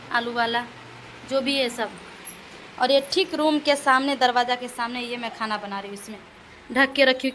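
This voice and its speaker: This young Bihari woman speaks Hindi with her regional accent in an aggrieved vlog, filming on a handheld phone while touring her family home and its rooftop. She sounds plaintive and indignant, appealing to her viewers in a fairly high, slightly bright voice, with a little background noise.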